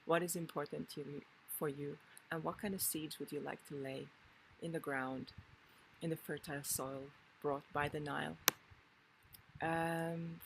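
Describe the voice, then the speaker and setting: A woman from Finland, a Kundalini yoga teacher talking a class through a calm, unhurried introduction and often pausing to find her words. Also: low voice, creaky, a little hiss or hum, poor audio.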